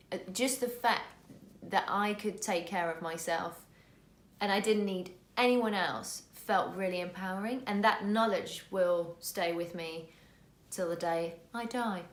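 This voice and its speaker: A woman's voice: medium pitch, unhurried, reverberant. A woman from the Netherlands, a native Dutch speaker in her thirties, co-hosting a casual vlog in an earnest way, often restarting words. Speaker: vlog co-host, actor.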